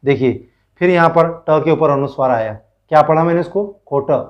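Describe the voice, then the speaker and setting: A man's voice: on the high side, fairly quick, dull audio. A male teacher explaining a school lesson, reading lines aloud, repeating words and asking pupils questions.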